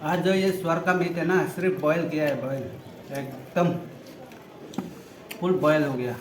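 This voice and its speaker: Male mukbang eating host, casual, slightly high voice, talks between bites, some background noise. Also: unhurried, echoey room. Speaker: vlog host.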